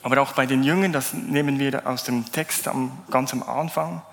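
A man's voice: mid-range voice, fairly even intonation, moderate pace, vocal fry, long reverb tail. A man giving a sermon. He reads Bible verses aloud and talks about them in a conversational way, with a few slips and restarts. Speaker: preacher.

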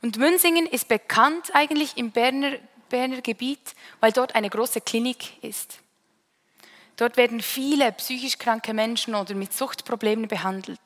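A woman from around Bern gives a sermon with a Swiss German accent, talking to her listeners like in a conversation. Her voice sits a little high, and it carries a long reverb as if it were spoken in a large hall. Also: normal speed, a bit bright. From Switzerland, Bern region. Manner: conversational, tag questions. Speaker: preacher.

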